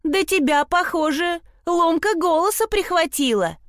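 Woman doing a snippy teasing girl, very high and shrill, dry read. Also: lively intonation, measured pace, no echo. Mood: mocking. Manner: mocking.

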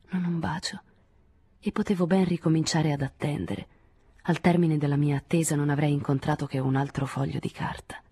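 Woman reading a novel, low husky voice, measured, dry close mic. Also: warm tone, dry recording. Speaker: audiobook reader. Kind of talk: literary audiobook narration.

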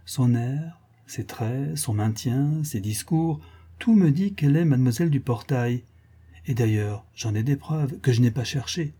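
A man's voice: mid-range voice, animated, a little slow, warm tone, breathy edge. A man reading the part of a proud marquise, indignant and impatient.

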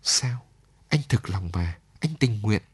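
A man's voice: lowish voice, expressive, slow pace, darkish tone, husky, full character voice. A man reading a story aloud, voicing an anxious, guilt-ridden married man who speaks hurriedly and apologetically.

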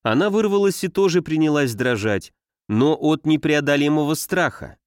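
Male audiobook narrator, measured, mid-pitched, close dry recording. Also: lively intonation, clean tone, no room sound. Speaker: audiobook reader. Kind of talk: scripted narration.

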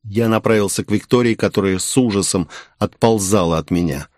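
A man's voice: lowish voice, brisk, a little mellow, dry recording, clean studio sound. A man reading an audiobook in the first person, curt and cold. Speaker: audiobook narrator. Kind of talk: audiobook narration.

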